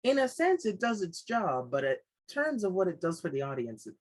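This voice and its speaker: A man co-hosting a casual film review podcast, animated and quick to act out his own reactions. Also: high voice, poor audio. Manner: animated, puts on voices when quoting himself.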